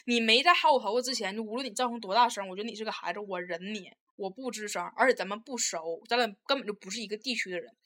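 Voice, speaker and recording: A woman's voice: medium pitch, rapid-fire, few pauses, bright, forceful tone. A woman, ranting profanely in a casual chat about a bad trip.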